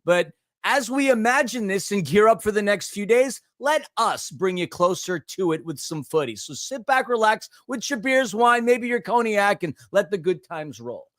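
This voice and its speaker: A man with a fairly high, slightly bright voice hosts a laid-back sports talk show, upbeat and jokey, packed with sports slang. His pitch swings widely at a normal speed, and the sound is dry and close with no room echo.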